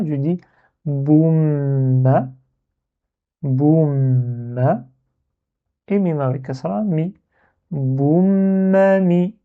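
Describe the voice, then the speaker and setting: A man's voice: medium pitch, creaky. A man teaching a reading lesson step by step, patiently repeating syllables to demonstrate pronunciation. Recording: dull, muffled lo-fi recording.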